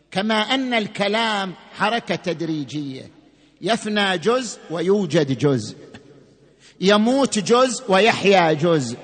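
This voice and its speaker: A man giving a sermon-style religious lecture, emphatic, slowing and rising on key words. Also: extremely high pitch, pushed and bright, long reverb tail.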